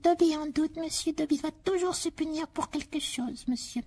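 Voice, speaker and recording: Woman voicing Dobby, a shrill tearful house-elf. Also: normal speed, a little mellow. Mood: anxious. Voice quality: small shrill high voice. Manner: pleading, overly deferential, speaks of himself in third person. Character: tiny servile male house-elf, tearful and groveling. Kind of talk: audiobook dramatization.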